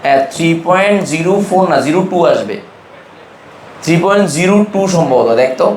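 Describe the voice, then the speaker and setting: With lively intonation and a voice on the high side, a Bangladeshi man lectures a chemistry class. The roomy recording carries slight background noise, and he constantly fires quick questions at his students in a casual, brotherly way.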